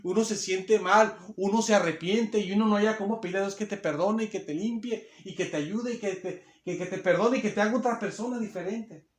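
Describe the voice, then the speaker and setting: A man with a high voice preaches a sermon of Bible teaching in a church hall, and the room's echo is noticeable. He talks a little fast with few pauses, speaking emphatically, acting out quotes, and restarting often.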